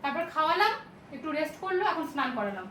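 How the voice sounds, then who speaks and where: A young woman talks quickly and at length in a high voice, rambling through her day at home as in a casual vlog. She sounds like a chatty mother, with a faint hum of noise behind her. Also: very animated, sharp tone, poor audio. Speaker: vlogger and mother. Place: at home, indoors.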